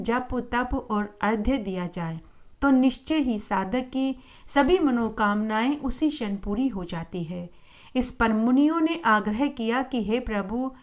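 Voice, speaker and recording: A woman reading a devotional tale aloud and then reciting a long list of sacred names in a steady, measured cadence. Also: on the high side. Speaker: devotional storyteller.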